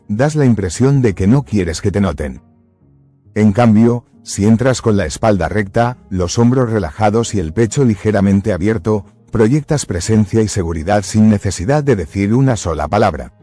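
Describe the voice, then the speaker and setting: A man giving scripted motivational narration in a measured, emphatic way, close to the mic. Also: on the low side, lively intonation, mellow, soft background music.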